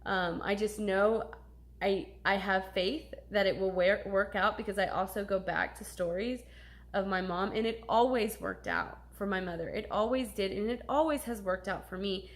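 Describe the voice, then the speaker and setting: A woman's voice: medium pitch, moderate pace. A woman in her thirties talking candidly and emotionally in a personal vlog, swearing casually as she confides. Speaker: vlogger.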